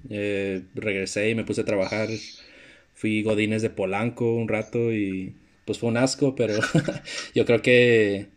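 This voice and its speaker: A man with a Mexican Spanish accent hosting a podcast in relaxed, slangy conversation. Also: lowish voice, unhurried. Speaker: podcast host. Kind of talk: casual interview chat.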